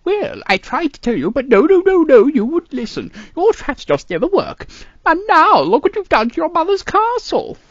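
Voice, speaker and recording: Sir Hiss, high-pitched hissing cartoon snake played by a woman. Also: huge pitch swings, moderate pace, no room sound, lo-fi sound, heavily acted. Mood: indignant scolding. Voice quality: hissing, sibilant. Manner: pompous, fawning, theatrical. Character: fussy, flattering, indignant male cartoon snake royal advisor. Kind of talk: cartoon character impression.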